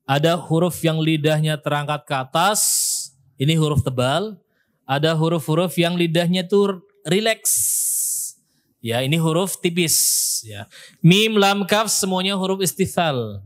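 A man's voice: a little high, a little slow, long pauses. A male Quran teacher giving a tajweed lesson, patiently repeating syllables to show the correct pronunciation and often ending phrases with "ya". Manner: ends phrases with a questioning "ya". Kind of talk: tajweed lesson with spoken demonstrations.

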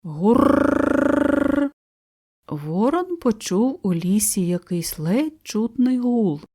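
A woman narrating a children's audiobook in an expressive, gentle storytelling manner. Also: mid-range voice, slow.

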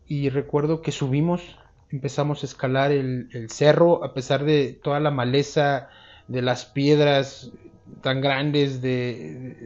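A man in his thirties with a Mexican accent, recounting a memory in an interview with a lapel mic, in a drawn-out storytelling way. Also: mid-range voice, a little mellow, dull audio. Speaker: eyewitness interviewee. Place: dark room, seated.

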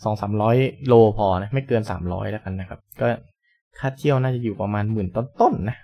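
A man's voice: on the low side, fairly quick, gravelly, dull audio. A young man casually commenting on a truck driving game, chatty and polite, thinking aloud as he plays, with game engine noise behind him. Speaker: gaming channel host.

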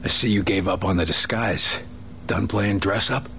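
Gravelly, low agent. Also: male voice, fairly even intonation, moderate pace, a bit bright, a little hiss or hum. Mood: hard, interrogating. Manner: terse, guarded, commanding. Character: stern, hard-bitten male government field agent. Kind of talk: video game cutscene acting.

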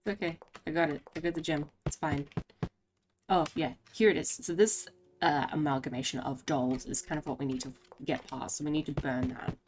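A woman with a low, deep-set voice talks her way through a game in a tired, rambling way. She stops often and fills the pauses with ums. Faint keyboard clicks and a light hiss sit behind her. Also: steady tone. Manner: rambling, halting, many fillers. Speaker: gameplay commentator. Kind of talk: casual let's play commentary.

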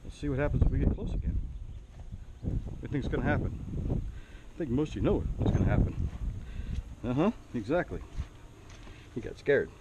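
A man with an average-pitched voice talks easily through an outdoor snake demonstration, explaining as he goes and asking the viewer questions. He is filming himself on a handheld camera near a trailer. A clear hum of insects and outdoor noise runs under his voice. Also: sing-song, normal speed, pauses often, muffled recording. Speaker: snake educator. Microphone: handheld camera mic.

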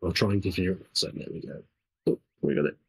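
A man's voice: deep voice, a little fast, gravelly, slight background noise, low-quality recording. An English man with an East Midlands accent, chatting casually and rambling while commentating a co-op game, laughing often. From England. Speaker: gaming channel host.

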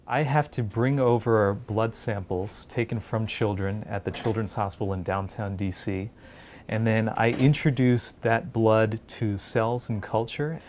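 Here the same man talks to camera in a research lab, his pitch fairly low and his tone on the darker side. Originally from India but raised in New Jersey, this pediatric clinical fellow sounds earnest and encouraging, with a bit of background noise on his lapel mic.

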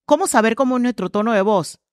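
A middle-aged woman, a communications trainer, talking with lots of energy in a low voice and acting out quoted voices as she tells stories in an interview. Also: quick pace, no echo, studio quality. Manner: acts out quoted voices, lively storytelling. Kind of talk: animated interview conversation.

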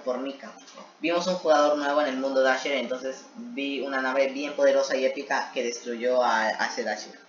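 A man's voice: mid-range voice, fairly bright tone, slight background noise. A man reading his old homemade story aloud and mocking it with joking asides. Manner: self-mocking, joking asides between read passages. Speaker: video creator reacting to his own old series. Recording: echoey room, dull lo-fi sound.

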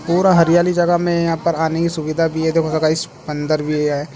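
A young man giving a casual travel vlog at a waterfall, talking excitedly and calling his viewers "guys". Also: a little high, moderate pace. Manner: excited tour-guide patter, repeats "guys". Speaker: vlogger. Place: outdoors at a waterfall viewpoint. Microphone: phone camera. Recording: phone video with outdoor noise.

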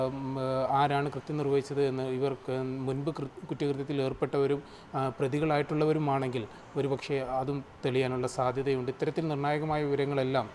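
A Malayali man files a live news report from the field, stumbling and restarting as he goes. His voice sits at an ordinary middle pitch. Faint background noise runs under him. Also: a little mellow. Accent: Malayali, Kerala. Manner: halting, many fillers and restarts.

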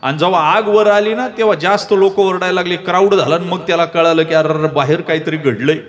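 A man's voice: high voice, fairly quick. A man preaching a kirtan sermon, telling stories and putting rhetorical questions to the audience. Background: pakhawaj drum and devotional music.

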